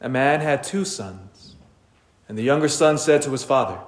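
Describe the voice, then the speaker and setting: Priest guy reading the gospel, calm and measured, big cathedral echo all around him. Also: medium pitch. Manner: measured, unhurried liturgical reading. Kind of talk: reading the Gospel aloud at Mass. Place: large church. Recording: roomy church reverb.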